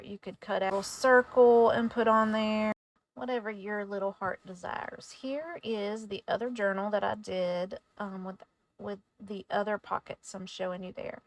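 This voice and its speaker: A woman talks through a paper craft project in a relaxed, chatty voice-over. She sometimes trips over her words. Her voice sits in a middle range and sounds dry and close. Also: medium pitch, creaky, dry recording. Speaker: craft tutorial host. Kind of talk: casual voice-over tutorial.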